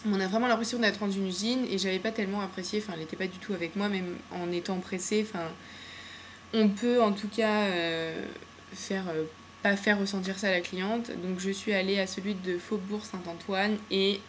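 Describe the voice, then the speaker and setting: A woman's voice: medium pitch, slight background noise. Chatty woman gushing about polish. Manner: chatty and enthusiastic, many fillers and slang. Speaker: beauty vlogger. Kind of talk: casual nail polish haul chat. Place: home room with windows open to the street.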